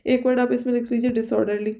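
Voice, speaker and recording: Woman teaching vocabulary in a flat voice. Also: a little high, gravelly. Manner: explains by listing synonyms, checks with "theek hai"; reads English example sentences slowly and deliberately. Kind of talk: exam-prep vocabulary lesson.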